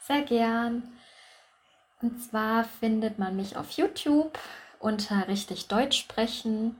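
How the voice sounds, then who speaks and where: A woman who coaches pronunciation, a guest on a podcast, explaining her methods clearly and methodically, step by step. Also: on the high side, takes it slowly. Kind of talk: explanatory interview answers.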